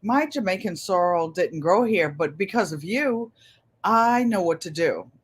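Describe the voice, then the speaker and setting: A woman's voice: lowish voice, lively intonation, measured pace, breathy edge. An older woman hosting a craft livestream, chatting casually and reading viewer comments aloud, with an easy laugh. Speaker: craft channel host on a livestream.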